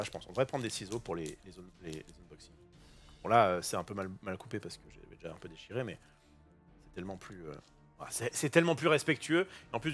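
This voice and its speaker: A man hosting a casual card-opening session in his kitchen, chatty and excitable, thinking aloud and using casual slang. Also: on the low side. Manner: self-interrupting, thinking aloud. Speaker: host opening trading card boosters. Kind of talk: casual unboxing commentary. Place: home kitchen.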